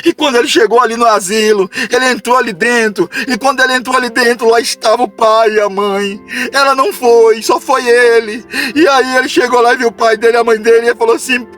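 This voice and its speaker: Male storyteller, very high voice, dramatic and repetitive moral tale; faint music bed. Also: steady tone, quick pace, fairly bright tone.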